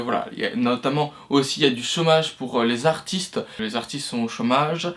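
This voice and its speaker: A man's voice: a little high, a bit bright. Hesitant young man explaining film history. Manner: loose, hesitant delivery full of fillers and restarts. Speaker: history of cinema video host. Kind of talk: casual educational talk.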